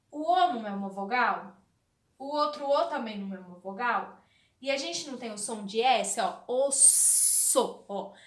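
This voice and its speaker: A woman teaching a recorded spelling lesson to young children, talking slowly in a sing-song way and asking questions she answers herself. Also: fairly high pitch, a bit bright. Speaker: primary school teacher. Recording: echoey room, voice off-mic.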